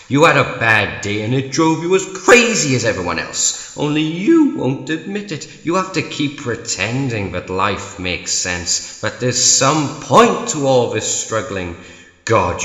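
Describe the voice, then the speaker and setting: A man playing a manic, mocking comic-book clown villain in a theatrical monologue, with taunting, drawn-out delivery. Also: fairly low pitch, sharp tone, exaggerated voice. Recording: echoey room with long reverb.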